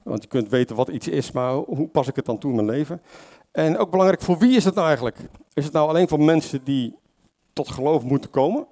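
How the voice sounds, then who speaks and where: A man's voice: fairly high pitch, expressive, brisk, hardly any pauses, dark tone. A man preaching an informal sermon, conversational, with many fillers and self-corrections and questions to the congregation. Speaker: lay preacher.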